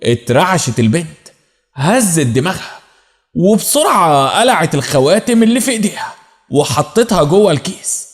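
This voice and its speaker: A man's voice: a little high, sing-song, moderate pace. A man with an Egyptian accent narrating a dramatic first-person audio story in a cool, hard-edged tone. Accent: Egyptian Arabic.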